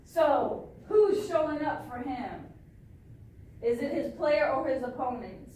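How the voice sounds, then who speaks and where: A woman with a high voice facilitates a group discussion from far off in a very echoey room. She asks question after question, halting and repeating herself, with faint noise around her. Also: expressive, a little mellow. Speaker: trainee facilitator.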